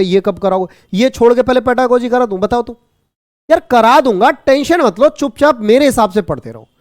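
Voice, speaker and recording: A man teaching an online exam-prep class, brisk and repetitive, teasing and jokingly scolding his students. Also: sits high, a little mellow, no echo, clean studio sound.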